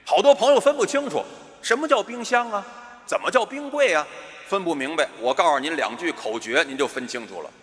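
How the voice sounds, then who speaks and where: A man's voice: fairly high pitch, lively intonation, brisk, fairly bright tone. A man performing stage crosstalk, lecturing his partner in a bossy mock-teacher way. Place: theater stage with a live audience. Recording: reverberant hall, faint noise.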